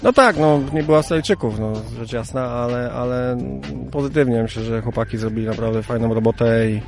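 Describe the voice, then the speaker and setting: A man's voice: medium pitch, brisk, over music. A male team coach giving a post-event interview, hesitant and repeating words as he searches for them.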